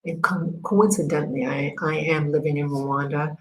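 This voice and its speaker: A woman from America hosting a casual livestream, talking haltingly with many fillers and restarts while she works her screen. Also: low-pitched, fairly even intonation, low-quality recording. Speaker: livestream host.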